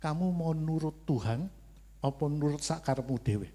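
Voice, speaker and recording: A man with a Javanese accent preaching a sermon, telling stories in a lively way and acting out God's short replies. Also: on the high side, moderate pace. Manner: lively storytelling, playacting God's curt replies. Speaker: pastor. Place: church hall. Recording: long church hall reverb.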